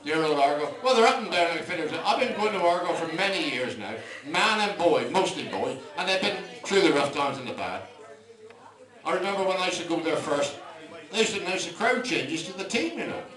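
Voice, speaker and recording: A man's voice: on the high side, very animated, brisk. An older man doing stand-up, telling dry one-liners with rambling asides. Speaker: stand-up comedian. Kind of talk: live stand-up jokes. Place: live comedy venue. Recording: echoey club, mic at a distance, loud crowd. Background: audience laughter.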